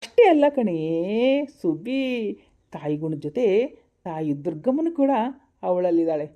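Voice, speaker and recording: Woman doing a gruff older father. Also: fairly low pitch, very animated, moderate pace, muffled recording, voice pushed down. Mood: proud.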